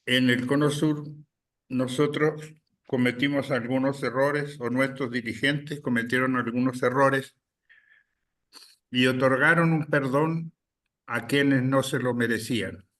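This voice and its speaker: Slow, measured man from Chile. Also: medium pitch, fairly even intonation, fairly bright tone, distant mic. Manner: measured, many pauses and fillers. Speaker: guest speaker. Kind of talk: slow deliberate political talk.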